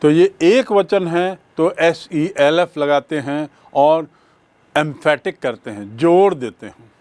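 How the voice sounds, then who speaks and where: A man teaching English grammar in a bilingual classroom lecture, explaining deliberately with examples and spelled-out letters. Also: on the high side, darkish tone, no echo.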